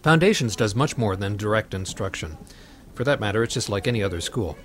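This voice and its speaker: Measured male documentary narrator. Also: on the low side, animated, low-quality recording. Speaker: interviewer and narrator. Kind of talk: documentary interview questions and narration.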